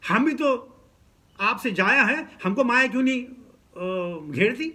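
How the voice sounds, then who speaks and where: A man doing a proud male sage, scoffing, high voice, bright tone, sermon storytelling. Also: animated, takes it slowly, heavily acted. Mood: boastful.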